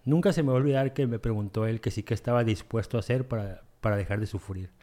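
A man telling his recovery testimony, halting and repeating himself, acting out dialogue as he goes. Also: mid-range voice, dark tone. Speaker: guest sharing a recovery testimony. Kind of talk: emotional personal storytelling.

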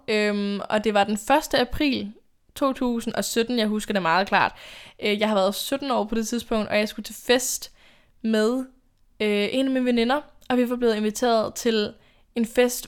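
Young female podcast host telling stories, chatty and rambling, smooth clear tone. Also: fairly high pitch. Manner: rambling, chatty, laughs often. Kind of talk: casual storytime chat.

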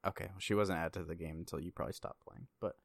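A man's voice: sits low, steady tone, racing, creaky, no room sound. A young man co-hosting a casual podcast chat, teasing his friend with dry sarcasm. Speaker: podcast co-host.

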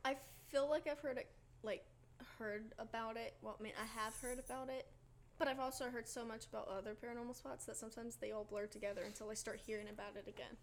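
A woman in her twenties co-hosting a podcast, talking in a hesitant, halting way with small giggles. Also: on the high side, fairly even intonation, a little hiss or hum. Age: 20s. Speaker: podcast co-host. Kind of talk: casual chat.

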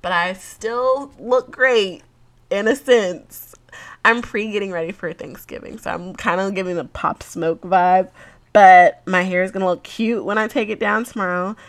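A young woman in her late twenties talks to her viewers in a loose, unhurried way. She sounds a little congested, giggles often and leans on fillers. Her pitch sits in the middle range. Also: fairly even intonation. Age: 20s. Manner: chatty and giggly, lots of fillers. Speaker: vlogger. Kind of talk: casual chat to camera.

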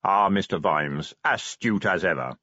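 Death speaks slowly and evenly, a patient skeletal being with dry wit, as a man reads him. The voice is a touch husky and close. The recording is dull and lo-fi, like an old audiobook. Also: low-pitched, animated, pushed and bright, dry recording, pitched below the performer's own voice, full character voice. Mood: dry, unhurried. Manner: slow, measured, dry. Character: Death, calm slow skeletal male being.

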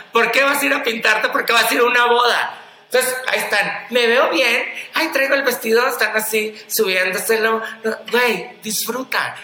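A Mexican man with a high, sharply bright voice talks in an echoey room. He is blunt and profane, and he keeps breaking into mocking impressions of other people. His delivery is animated and fast-moving. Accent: Mexican Spanish. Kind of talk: casual podcast chat.

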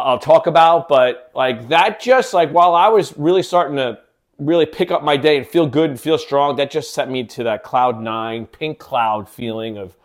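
A man hosting his own podcast in a casual solo talk, rambling with many fillers and restarts. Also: mid-range voice. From living in Kansas City. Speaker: podcast host.

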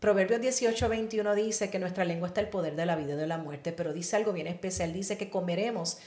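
A woman's voice: fairly low pitch, fast. Woman telling a faith story, roomy sound. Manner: animated storytelling, mixing in English words. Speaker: guest, pastor's wife. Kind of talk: conversational testimony. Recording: roomy echo.

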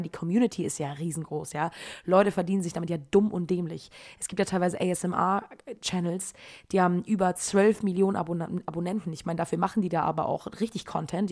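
A young woman in her twenties hosting a podcast, chatting casually in a slangy, animated way and sometimes dropping into a softer voice. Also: on the low side. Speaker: podcast host. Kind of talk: casual chat.

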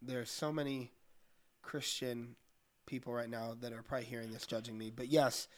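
A man's voice: medium pitch, steady tone, moderate pace. A man co-hosting a casual podcast with a head cold, sniffling, joking in a laid-back, rambling way. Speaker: podcast co-host. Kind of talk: casual chat.

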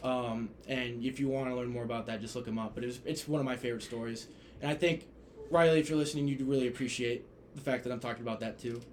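A man's voice: medium pitch, fast, a little hiss or hum. A man who is a podcast guest, chatting casually and telling stories with lots of swearing. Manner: animated storyteller, swears freely. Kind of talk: casual chat.

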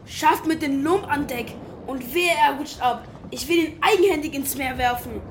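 A woman's voice: high-pitched, moderate pace, a little hiss or hum, close to an everyday voice. A woman playing an indignant, bossy male pirate captain in a theatrical audio drama. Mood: angry, threatening. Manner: theatrical, commanding.

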